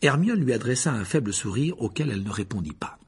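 Guy reading an audiobook, gravelly husky voice, lots of pitch movement. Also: very animated, fast. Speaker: narrator.

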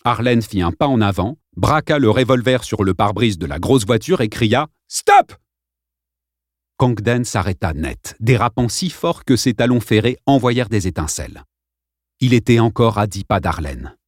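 A man reads a novel aloud with lively, shifting intonation. His voice is at a middle pitch for a man. The recording is dry and close, as in a studio booth. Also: normal speed, no echo. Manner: lively, expressive reading. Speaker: audiobook narrator. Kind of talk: scripted narration.

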